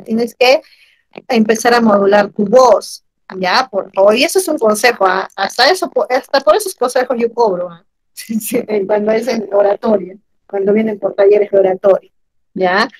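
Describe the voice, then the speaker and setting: A woman teaching grammar in an online class, animated and asking her students questions often. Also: a little high, no echo, low-quality recording.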